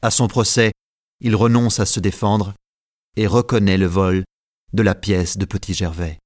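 Man, audiobook narrator, measured and clear, lowish pitch, dry studio feel. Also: steady tone, a little mellow, dry recording.

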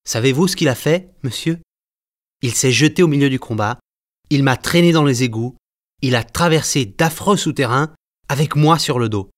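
A man's voice: medium pitch, moderate pace, close to an everyday voice. An actor playing Marius, an earnest, passionate young man in an audiobook drama. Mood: fervent. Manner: earnest, emotional.

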